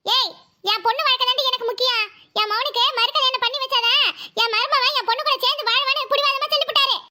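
ஒரு பெண் நடிக்கும் கடுமையான, மிரட்டும் மாமியார். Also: female voice, very high voice, steady tone, sharp tone, heavily acted. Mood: scolding. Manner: scolding, threatening, fast. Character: harsh scheming mother-in-law, shrill and threatening.

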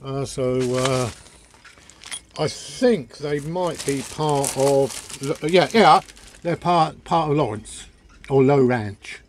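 Slow and mid-range in voice, an older man rambles about his boat gear while filming himself on a phone at arm's length inside a small boat cabin. This sailing vlogger talks casually and chattily, tripping over and repeating words, with slight background noise.

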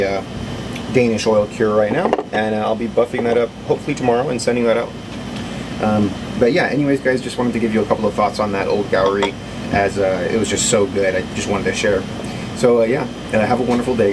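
A man in his thirties hosting a casual, unscripted chat to camera, pausing often as he talks. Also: fairly low pitch. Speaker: video host, pipe maker. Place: small indoor cluttered workshop. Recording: steady background hum and noise.

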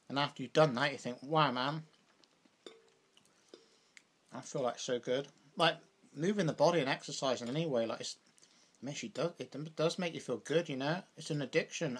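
A young man from Britain rambles casually while eating on his vlog, peppering his talk with "like" and "you know." He has a fairly high voice with a breathy edge.

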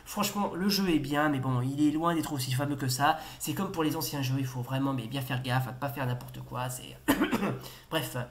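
A young man commentating a retro game as he plays, excitable and stammering, with sudden swearing outbursts. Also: mid-range voice, normal speed, a little hiss or hum. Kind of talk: casual let's-play commentary.

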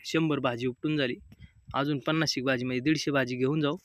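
A man's voice: mid-range voice, steady tone, fairly quick, no echo. A man in his thirties, a farmer from Maharashtra, talking casually to his viewers outdoors and coaxing his young son. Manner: coaxing and teasing his young son, loud market hawking calls. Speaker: vlogger and farmer, father. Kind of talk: casual vlog talk. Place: outdoors, fields and village market. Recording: noisy outdoor recording.

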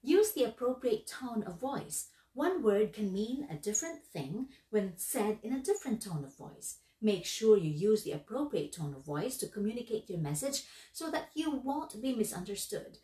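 A woman giving instructional narration on workplace skills in a lively, emphatic, instructive way. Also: fairly high pitch, normal speed, hardly any pauses. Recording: echoey room, voice from far off.

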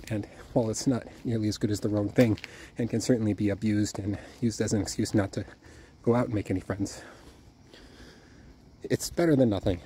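Man in a casual walking vlog, winded, thinking aloud; lowish, dark tone, light background noise. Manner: rambling, thinking aloud with restarts. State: out of breath. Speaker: YouTuber. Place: outdoors at night on a walk.

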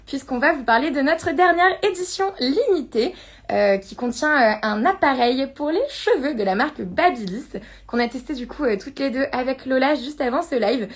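A high-pitched woman hosts a relaxed live stream. She chats easily, giggles often and reads viewer comments out loud as she goes. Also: normal speed. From France. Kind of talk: casual live unboxing chat.

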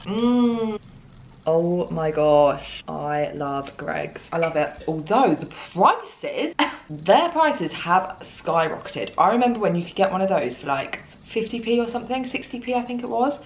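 A woman's voice: on the low side, big pitch swings, a little slow. A young woman chatting casually in a food vlog at home, bubbly and giggly. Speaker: food vlogger. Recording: roomy echo.

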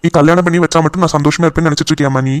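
A man voices a young cartoon son who talks fast to push back against marriage plans, then soothes his mother. The voice is high for a man and rushed. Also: steady tone, natural voice. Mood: frustrated. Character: young man home from abroad, reluctant but caring son.

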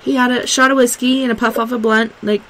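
An Arkansas woman hosting a radio talk show chats casually on air, rambling with plenty of "like" and "um." Her voice sits on the high side with little pitch movement, she talks fast, and the background is noisy.

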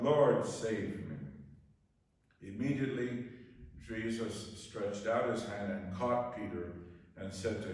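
A male priest proclaiming the gospel and preaching slowly and deliberately, his voice carrying heavy church echo from a distant mic. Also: lowish voice. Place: large church.

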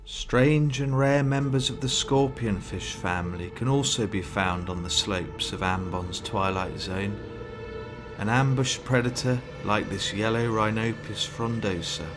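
Low-voiced man narrating a nature documentary. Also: a little slow, music in the background.

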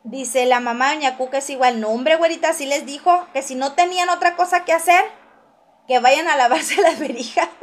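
Lady doing a gossip live, high voice, reads comments out and laughs a lot. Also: fairly quick. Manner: chatty, reads viewer comments aloud and answers them; laughs often, teasing asides. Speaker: gossip livestream host. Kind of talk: casual gossip livestream, reading comments.

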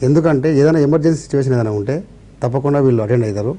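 A man's voice: mid-range voice, very fast, mellow. A man with a Telugu accent, a revenue officials' representative on a TV debate, explaining measuredly and citing laws and history.

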